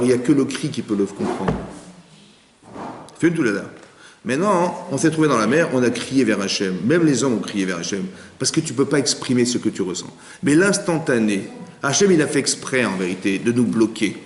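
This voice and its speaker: A rabbi leads a lesson for a seated group, his voice rolling around a roomy synagogue hall with a long reverb tail. He keeps throwing rhetorical questions at his listeners and answering them himself, at a pitch typical for a man. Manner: lively, full of rhetorical questions to the audience. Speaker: rabbi teaching a class. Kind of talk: religious lesson to a live group.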